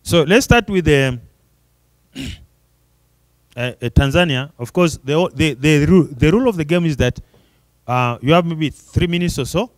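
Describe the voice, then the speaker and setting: A man's voice: a little high, animated, unhurried, long pauses, no room sound. A man moderating an event session in an informal, conversational and encouraging way.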